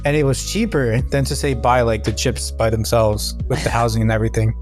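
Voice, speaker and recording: A man's voice: medium pitch, fairly even intonation, a little fast, a little mellow, faint music behind. A man in casual podcast chat, explaining at length with many fillers. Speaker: podcast co-host.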